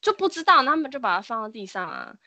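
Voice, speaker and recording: A bright, animated woman recounts a story in casual podcast chat, acting out the people she quotes. Her pitch swoops freely and she talks fast. The sound is close and dry. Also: dry recording. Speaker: podcast co-host telling a ghost story.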